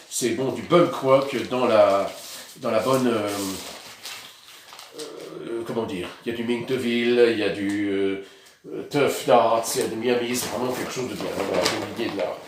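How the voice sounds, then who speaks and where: A man's voice: medium pitch, normal speed, heavy reverb, a little hiss or hum. A man casually showing his vinyl records outdoors, rambling with many hesitations. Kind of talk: casual vlog. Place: outdoors in the sun.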